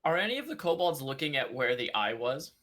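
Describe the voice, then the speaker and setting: A man's voice: mid-range voice, big pitch swings, fairly quick, pushed and bright. A man playing a tabletop game, describing his moves in a casual, hesitant way with many fillers. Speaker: player.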